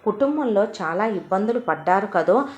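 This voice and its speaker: A woman voicing a calm, matter-of-fact male doctor in an audio story. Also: mid-range voice, normal speed, roomy sound, lightly acted.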